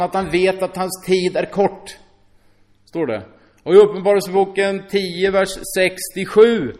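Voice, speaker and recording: Reading scripture aloud in a sermon, a high-voiced man comments on it conversationally and frequently asks his listeners "va?". His delivery is lively, shifting between loud exclamations and hushed asides.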